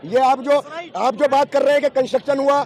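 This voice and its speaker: A man's voice: very high voice, steady tone, a little fast, darkish tone. A man arguing in a heated street debate outdoors, firing off one rhetorical question after another. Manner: argumentative, fires rhetorical questions. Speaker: debate participant.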